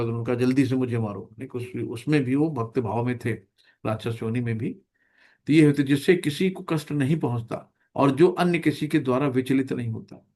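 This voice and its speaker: Chatty male Gita class teacher. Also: medium pitch. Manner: chatty, keeps asking "है ना?", acts out little scenes. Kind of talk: conversational scripture class.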